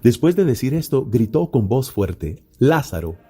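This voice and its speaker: A man, a friar, reading the Gospel aloud in a solemn, measured and unhurried way. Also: mid-range voice, big pitch swings, dark tone, breathy edge. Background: faint Gregorian chant music.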